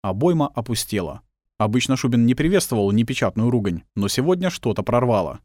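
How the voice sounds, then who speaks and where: A man's voice: mid-range voice, very animated, brisk, a little mellow, dry recording, studio quality. A man reading a war novel aloud as scripted audiobook narration.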